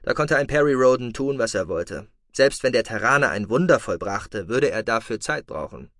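Expressive male audiobook narrator. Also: medium pitch, moderate pace, no room sound, studio quality. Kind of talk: scripted narration.

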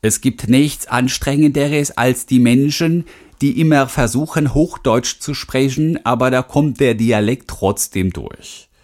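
With a medium-pitched, slightly mellow voice and an unhurried pace, this middle-aged man from the Rhineland reads his own self-help audiobook. As a speaking coach, he is frank and forceful, speaking straight to whoever is listening.

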